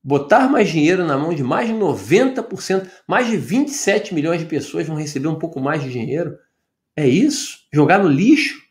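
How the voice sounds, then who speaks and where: A man with a fairly high voice lectures on tax policy in a loose, conversational way. He talks emphatically, stacks up rhetorical questions and leans on plenty of fillers. The echo of the room he recorded himself in is clearly audible. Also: animated, normal speed. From Brazil. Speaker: tax professor commenting on news. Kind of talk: informal video commentary. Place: home office.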